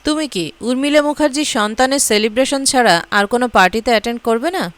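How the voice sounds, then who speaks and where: A woman reads a proud, dismissive mother in a storybook, curt and impatient. Fairly high voice, dry close recording. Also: quick pace, fairly bright tone, no room sound, natural voice.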